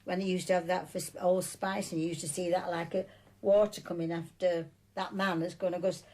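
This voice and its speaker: A woman's voice: lowish voice, flat delivery, a little fast, dark tone. An older woman, once a store supervisor, recalls events in a chatty, rambling interview. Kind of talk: conversational interview recollection.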